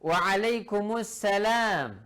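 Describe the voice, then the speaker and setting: A man's voice: high-pitched, animated, extremely slow, a bit bright, clear, resonant tone. A man teaching Arabic in an online lesson, repeating each phrase and translating it piece by piece. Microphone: video call.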